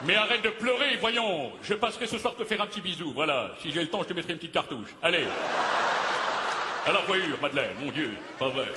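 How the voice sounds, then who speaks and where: A man playing a pompous playwright who declaims with booming bombast, his voice high and swinging wildly in pitch. He sounds from a theatre stage with a long echoey hall reverb, under loud audience laughter and heavy noise. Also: expressive, fairly quick, a loud crowd, close to an everyday voice. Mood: grandiose. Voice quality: booming stentorian voice. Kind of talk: stand-up character sketch.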